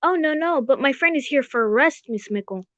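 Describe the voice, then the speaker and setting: A woman's voice: high voice, animated, brisk, fairly bright tone, no room sound, lo-fi sound. A woman playing a genteel, mildly fussy doctor, the detective's loyal friend, in a radio drama. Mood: mildly exasperated.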